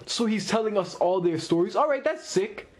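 A man giving casual live reaction commentary on an anime episode, excitable and rambling, with lots of "like" and "you know". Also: high-pitched, moderate pace. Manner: excitable, rambling with many fillers. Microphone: wearing earphones while recording.

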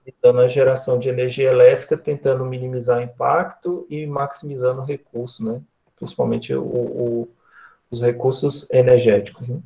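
Speaking briskly with a flat delivery, vocal fry and a dark, mid-range voice, this Northeastern Brazilian lecturer in his thirties gives a conversational online talk as a guest speaker. He frequently seeks agreement with short tag questions while on a video call from a small indoor room, and the audio is dull and lo-fi.

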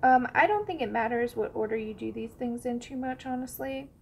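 Sniffly with a head cold, this woman hosts a coloring tutorial, rambling casually through her drawing with plenty of ums and the occasional whisper. She talks fairly quickly in a slightly high, creaky, somewhat mellow voice, with a faint hiss or hum in the background.

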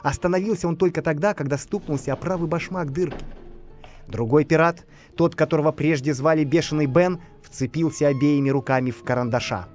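A man reading a bedtime story aloud in an expressive, lively way. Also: fairly high pitch, fairly quick, muffled recording, soft background music. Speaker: narrator.

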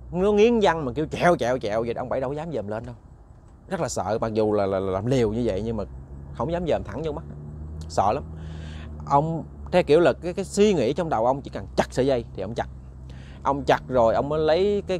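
A man's voice: mid-range voice, a little mellow. Southern Vietnamese man telling a ghost story. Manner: chatty, repeats words while searching, addresses listeners directly. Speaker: ghost story narrator, channel host. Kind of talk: casual spoken ghost storytelling to listeners.

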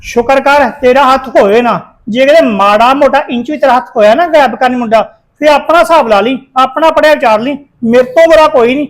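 A man playing a fast-talking stern husband. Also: very high-pitched. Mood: accusing. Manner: accusing, scolding. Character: stern suspicious husband and son. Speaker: actor in a family drama. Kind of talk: amateur family drama acting.

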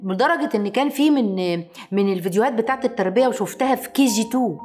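Egyptian woman, parenting lecturer, rapid delivery, emphatic, repeats key points, rhetorical questions, faint music behind. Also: fairly high pitch, a little mellow. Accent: Egyptian Arabic. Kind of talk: informal lecture.

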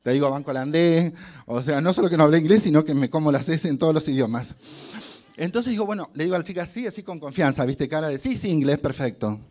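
A middle-aged guest speaker with an Argentine Spanish accent tells stories in a motivational talk, speaking fast in a fairly high, darkish voice. He's humorous and anecdotal and acts out the dialogue he quotes.

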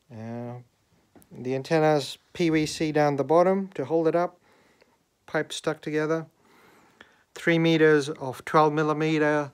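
Speaking in a higher-pitched voice, an Australian man who is into radio presents a homemade antenna. The casual video demonstration is shot indoors in his bedroom on a handheld camera he holds.

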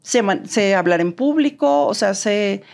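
A Mexican woman with a neutral Mexican Spanish accent, a guest in an interview, tells her story with animation and acts out the quoted dialogue. Her mid-range voice is creaky and moves at a measured pace.

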